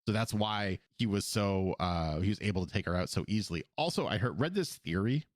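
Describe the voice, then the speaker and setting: A man with a very low voice talks through an animated episode in loose, chatty fashion, laughing along with his co-host. The sound is close and dry, with no room around it. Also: brisk, no room sound. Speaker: podcast co-host. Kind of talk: casual episode recap chat. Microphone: podcast microphone.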